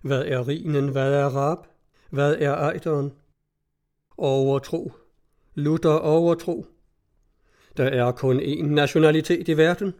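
A man voicing a pompous small-town orator who gives a slow, grandiose speech. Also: fairly high pitch, warm tone, lightly acted.

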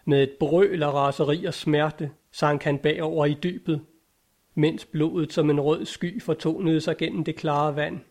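Male narrator, audiobook read, grave and measured, a bit high-pitched. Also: steady tone, darkish tone. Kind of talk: scripted story narration.

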